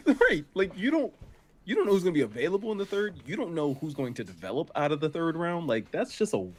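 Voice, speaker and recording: A man co-hosting a casual sports podcast, animated and quick to laugh, with lots of filler words. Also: fairly high pitch.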